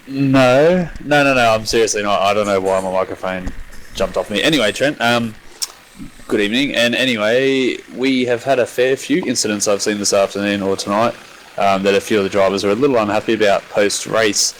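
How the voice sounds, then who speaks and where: An Australian man co-hosts an online racing broadcast over a headset mic, chatting casually and rambling with plenty of fillers. His voice sits on the low side and moves briskly, and the rough recording carries slight background noise.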